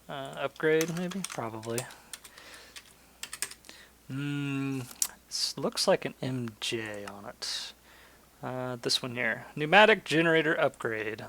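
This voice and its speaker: Over screen-recorded gameplay indoors, a man hosts a gaming video, casually chatting, telling stories, rambling and swearing freely. His medium-pitched voice is slow, gravelly, pushed and bright, with a little hiss or hum in the audio.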